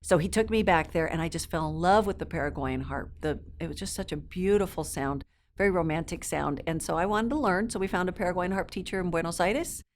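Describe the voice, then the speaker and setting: Her voice sits on the lower side and moves fairly quickly over faint background noise. She's in her fifties, grew up in South America, and recounts stories as an interview guest in relaxed chat, cheerful and smooth apart from a few ums.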